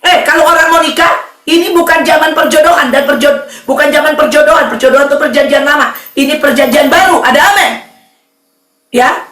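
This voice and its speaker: High bright woman preaching in echoey hall. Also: far from the mic. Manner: animated preaching, calling out to the congregation. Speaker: pastor. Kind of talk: sermon. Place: church hall.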